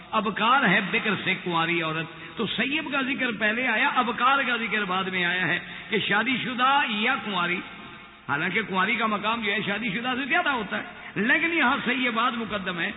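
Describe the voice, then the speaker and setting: A man with a Pakistani Urdu accent giving a sermon, retelling a story with lively acted-out quotes. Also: sits high, slight background noise. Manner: animated retelling, acting out quoted speech. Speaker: Islamic scholar lecturing. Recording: echoey hall over a tinny, lo-fi line.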